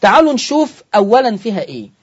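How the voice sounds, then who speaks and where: A man's voice: high-pitched, big pitch swings, rapid-fire, husky, lo-fi sound. A man with an Egyptian accent hosting a televised Quran recitation lesson, asking the audience questions and answering them himself. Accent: Egyptian Arabic. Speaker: Quran recitation teacher and host.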